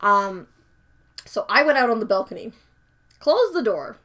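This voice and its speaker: A woman's voice: a little high, sing-song, unhurried, fairly bright tone. A woman telling personal stories in a casual chat, laughing often and using many fillers.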